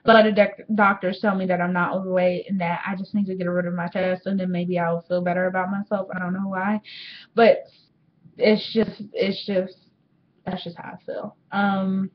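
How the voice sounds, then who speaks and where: A woman's voice: medium pitch, moderate pace. An eighteen-year-old woman talking candidly and rambling to a webcam at home in a casual diary vlog, swearing freely. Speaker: vlogger. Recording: slightly dull webcam audio.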